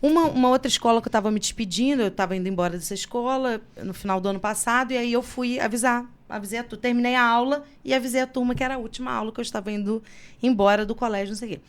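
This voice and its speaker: Animated teacher, higher voice. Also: female voice, rapid-fire. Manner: animated storyteller who gets emotional. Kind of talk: casual podcast chat.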